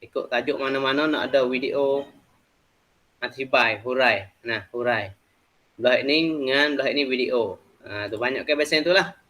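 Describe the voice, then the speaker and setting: Peppering his lesson with "ha" and "nah" fillers, a man teaches a class in a loose and repetitive way. He speaks at a middle pitch with a sharp tone.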